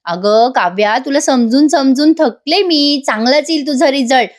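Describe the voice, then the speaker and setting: Fond, fussing aunt, slightly high, read by a woman. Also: moderate pace, close to an everyday voice. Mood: affectionate. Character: fond middle-aged aunt in a family serial.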